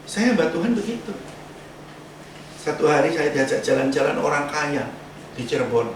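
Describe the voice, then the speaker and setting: A man preaches in a loose, conversational way, throwing in slangy asides and acting out the people he quotes. His voice sits a little high for a man. He sounds distant, caught in a big echoing church with a faint hum of room noise. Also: very animated, moderate pace. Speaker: pastor. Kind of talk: sermon. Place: church sanctuary. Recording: echoey church hall miked from a distance.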